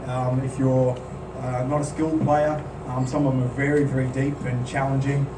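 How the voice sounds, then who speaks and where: Speaking in a meeting room at a golf club, a man presents a project as a maintenance contractor, using a medium-pitched voice at an ordinary speed. He has a non-local accent and keeps things plain and even, filling gaps with frequent "um"s. A distant mic picks up room echo and a steady hum.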